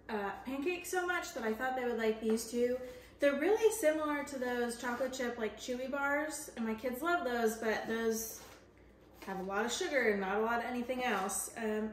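A woman in her thirties chatting casually in a grocery haul vlog from her home kitchen, upbeat and full of filler words. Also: a little high. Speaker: mom vlogger. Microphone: camera on counter, mid framing. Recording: echoey kitchen with faint noise.

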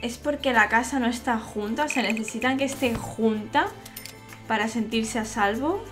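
Young woman streamer, Spain Spanish accent, higher voice, chatty and exasperated, clear game music underneath. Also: moderate pace. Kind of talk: live gameplay commentary.

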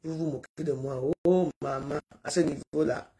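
A woman's voice: sits low, fairly even intonation, fairly quick, vocal fry, dark tone. A middle-aged woman from Cameroon, talking in a rambling, pleading live-stream monologue that repeats itself.

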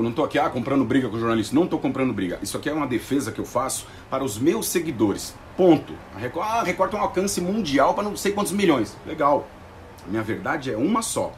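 A man's voice: mid-range voice, slight background noise. A man speaking in a casual, defiant vlog rant, slangy and combative. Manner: fast, animated, slangy and combative. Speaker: vlogger reacting to a TV report.

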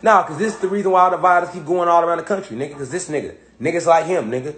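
A man's voice: a little high, rapid-fire, a bit bright. A man in his thirties giving confrontational reaction commentary, calling out a rapper directly in heavy street slang. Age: 30s. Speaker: commentator reacting to rap songs.

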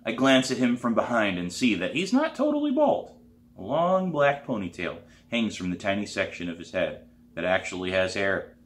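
A man reading his own novel aloud, narrating in a plain, steady way. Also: lowish voice, normal speed, roomy sound. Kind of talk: storybook read-aloud.

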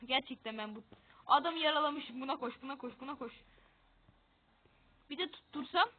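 A woman with a high voice talks through her game in casual commentary. She is excitable and quick to mock her own losses. The audio is narrow and tinny, like a phone line. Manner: excitable, self-mocking about losing. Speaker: gamer.

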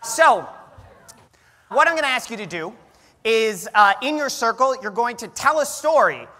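A young man giving an energetic, conversational keynote talk on stage. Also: very high voice, moderate pace. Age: young adult. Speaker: keynote speaker. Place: large auditorium stage. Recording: reverberant hall.

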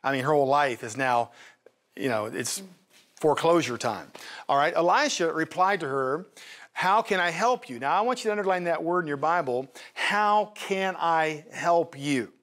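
A man hosting a faith and finance show, teaching from the Bible in an animated way. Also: fairly high pitch, brisk. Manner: animated, acts out Bible voices. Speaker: host and teacher.

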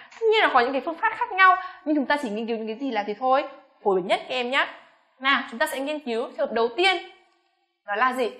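A woman whose first language is Vietnamese, teaching English pronunciation to students and reading each example sentence slowly with exaggerated rises and falls. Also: a little high, bright, forceful tone. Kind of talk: classroom-style lesson addressing students.

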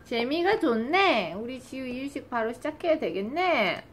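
A woman's voice: high-pitched, big pitch swings, normal speed. A young mother at home coaxing her baby to eat with playful sing-song baby talk. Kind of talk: casual home video. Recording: noisy home recording.

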